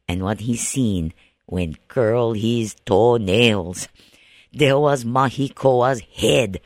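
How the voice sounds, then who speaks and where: Man storyteller, Hawaiian Pidgin accent, gravelly, swinging pitch, dramatic. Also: fairly bright tone, no echo, studio quality. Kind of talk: spoken ghost story.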